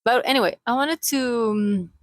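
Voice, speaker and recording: Here the aspiring illustrator and vlogger from Chile talks at normal speed in a higher register, recorded dry with clean studio sound. Her English, a second language with a Chilean Spanish accent, comes out hesitant and self-deprecating as she gropes for words and tosses in little jokes during a casual confessional chat.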